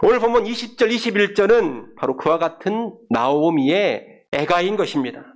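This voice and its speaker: A male pastor preaching a measured sermon, addressing the congregation directly and voicing quoted laments in a pleading tone. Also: sits high, animated.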